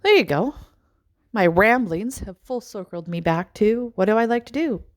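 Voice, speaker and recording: A middle-aged woman, a life coach, musing aloud in a rambling personal monologue with sighs and pauses. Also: mid-range voice, animated.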